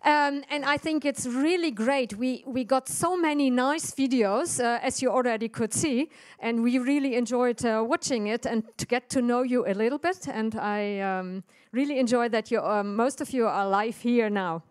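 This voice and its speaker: A woman with a high voice moderates a live event. The sound is dry and close, and she talks loosely with plenty of ums and uhs. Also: moderate pace, hardly any pauses, no room sound.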